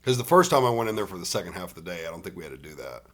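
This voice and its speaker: A man's voice: low voice, sing-song, rapid-fire, fairly bright tone. A man as a podcast guest, casually telling stories from his school days with dry remarks. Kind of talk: casual chat.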